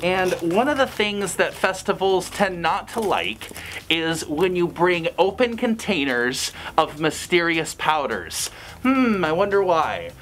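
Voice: mid-range voice, very animated, unhurried, a bit bright, a little hiss or hum. A fursuiter giving casual vlog advice from inside a costume head. The voice is muffled and chatty, with dry, sarcastic asides. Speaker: fursuiter vlogger.

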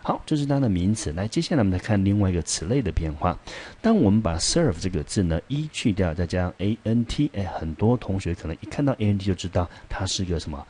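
A man's voice: deep voice, sing-song, fast talker, warm tone, slight background noise. A male English teacher gives a vocabulary lesson, patiently explaining and asking the class rhetorical questions as he reads English example sentences.

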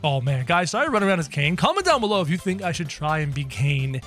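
Excitable high-voiced male gamer. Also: fast talker, faint music behind. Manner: excitable, exclamatory, addresses viewers as guys. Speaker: gaming YouTuber. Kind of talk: game commentary.

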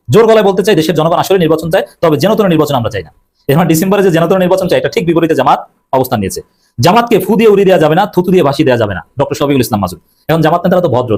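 A man's voice: a little high, darkish tone. A man giving emphatic, combative political commentary, repeating his points with fillers and self-corrections.

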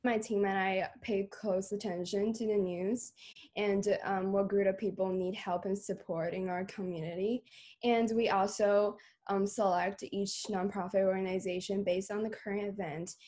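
A teenage girl talks over a webcam from her bedroom in an even, monotone way. She pauses with fillers as she explains. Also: mid-range voice. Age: teens. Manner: flat, hesitant with fillers. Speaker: student founder of bakery. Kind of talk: casual interview. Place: bedroom at home. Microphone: video call webcam.

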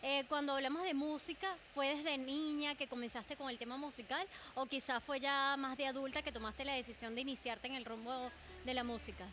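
A woman's voice: high-pitched, fairly even intonation, fairly quick, few pauses, sharp tone. A young woman hosting a live web TV interview in a studio, chatty and prompting with many follow-up questions. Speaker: host. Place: TV studio set. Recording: studio broadcast with music behind.

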